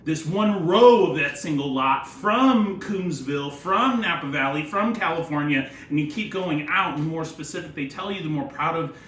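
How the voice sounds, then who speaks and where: A man's voice: fairly high pitch, animated, moderate pace, hardly any pauses, fairly bright tone. A man speaking as a sommelier in casual tasting commentary, wry and opinionated, full of wine jargon. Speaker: sommelier and presenter. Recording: echoey room, faint background noise.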